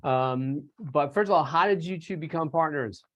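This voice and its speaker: A man's voice: on the high side, normal speed. A man hosting a podcast interview, loose and chatty with plenty of fillers. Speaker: podcast host.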